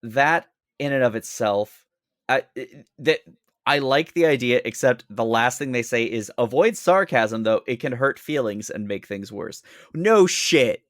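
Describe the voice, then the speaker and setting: A man's voice: mid-range voice, expressive, a little slow, fairly bright tone, dry recording, clean studio sound. A man co-hosting a casual podcast, blunt and sarcastic, swearing freely. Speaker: podcast co-host.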